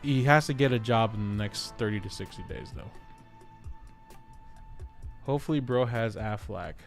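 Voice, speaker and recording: A man's voice: mid-range voice, moderate pace, faint music behind. A man hosting a casual real estate livestream, joking and chatty as he reads viewer comments aloud.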